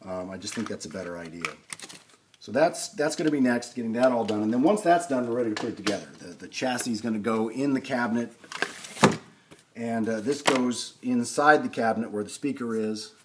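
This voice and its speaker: The host of a vintage record player restoration video series talks through a casual, unscripted repair demonstration, thinking aloud as he works. His mid-range voice is fairly quick, and there's noise in the background.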